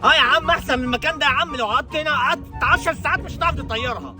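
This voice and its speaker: A woman's voice: high-pitched, rapid-fire, music in the background, natural voice. A woman voicing a taunting Egyptian boy. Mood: plotting. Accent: Egyptian Arabic. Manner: taunting, teasing, cocky. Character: mocking bratty boy friend. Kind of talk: comedy skit voice acting.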